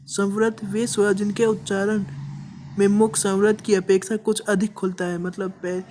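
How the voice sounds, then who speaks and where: A woman's voice: medium pitch, little pitch movement, normal speed, dark tone, a little hiss or hum. A woman teaching a grammar lesson, explaining step by step, often checking in with "okay" and drawing out vowel sounds as examples. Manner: repeats points with frequent "ठीक है" checks.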